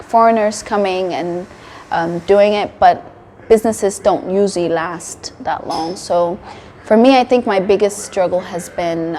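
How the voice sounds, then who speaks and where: Lower-voiced young woman in a cafe. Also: slight background noise. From Sierra Leone, raised in Denmark. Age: 20s. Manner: thoughtful, steady, with frequent um and uh. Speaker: interview guest, wellness coach. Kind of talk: casual interview answers. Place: indoor cafe.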